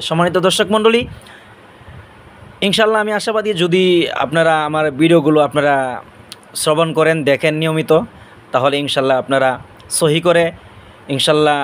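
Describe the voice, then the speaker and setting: A man teaching pronunciation, drawing out each letter sound slowly and patiently explaining where in the mouth and throat it is made. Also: high-pitched. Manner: slow, drawn-out drilling of letter sounds. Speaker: Arabic teacher. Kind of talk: pronunciation lesson.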